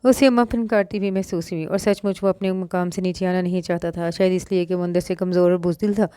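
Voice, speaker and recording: A woman with a Pakistani Urdu accent reading a romance novel aloud, voicing every part in the same even voice. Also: lowish voice, fast, clean tone, dry recording, studio quality. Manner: reads all parts in one even voice, lifting slightly for quoted lines. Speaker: novel narrator.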